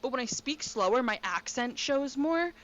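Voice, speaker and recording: A woman co-hosting a casual podcast chat from her bedroom, talking quickly and excitably. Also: sits high. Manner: fast, excitable talker. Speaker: podcast co-host. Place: bedroom at home. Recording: dull lo-fi with faint noise.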